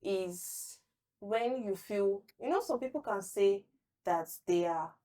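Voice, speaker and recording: A woman health practitioner chatting as a guest, telling lively stories and acting out her patients' lines. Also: medium pitch, slow pace. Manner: lively storyteller who acts out patients' lines. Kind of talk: casual chat.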